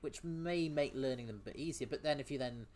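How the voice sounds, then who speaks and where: This streamer has a brisk, mid-range voice with a darkish tone. He gives casual commentary on his game, chatting with viewers, reading chat aloud, laughing often and sometimes tripping over words.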